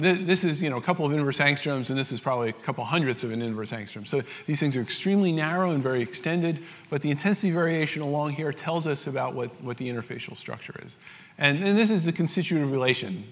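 A man's voice: a little high, a bit bright. A man with a New York accent giving a technical science lecture, explaining step by step with many fillers and restarts. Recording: reverberant lecture hall.

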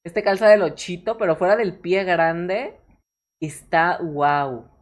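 A young woman with a Mexican accent, casually reacting to fan art on a stream, excitable and swearing freely with frequent laughs. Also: on the low side, takes it slowly. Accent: Mexican Spanish.

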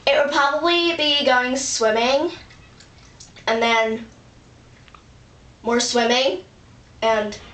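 A woman voicing an excitable, bubbly female hippo contestant who gushes and squeals, in a roomy, distant home recording. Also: high voice, slow, long pauses. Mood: chatty. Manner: gushing, squealy when excited.

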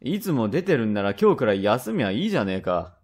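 A man voicing a rough, quick-tempered father from old Edo, speaking blunt old Edo Tokyo speech in a rakugo tale. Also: lowish voice, sing-song, voice pushed down. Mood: irritated. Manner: gruff, blunt, grumbling. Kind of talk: rakugo storytelling.

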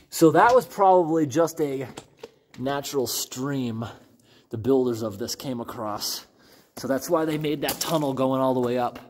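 An urban explorer vlogger walks through abandoned railroad tunnels, chatting casually to viewers as he goes. His voice is medium in pitch with a darkish tone.

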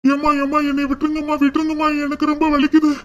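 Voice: high-pitched, completely flat delivery, racing, natural voice. A performer voicing a meek old male beggar in a cartoon, whining and pleading. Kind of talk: cartoon voice acting.

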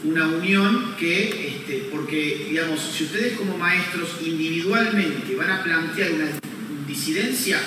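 Speaking a little slowly with a fairly high pitch, a man from Argentina gives an emphatic conference lecture built on rhetorical questions he answers himself. His handheld mic is picked up by a distant camera in a large church hall used as a lecture venue, so the recording echoes and includes background noise.

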